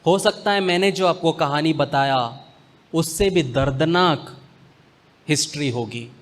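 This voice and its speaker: A male pastor preaching a sermon, slipping English phrases in among slow, weighty pauses. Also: fairly high pitch.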